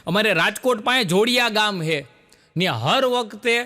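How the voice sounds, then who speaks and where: A man's voice: high voice, expressive, moderate pace, sharp tone. A man, telling folksy jokes live to an audience as a stand-up comedian.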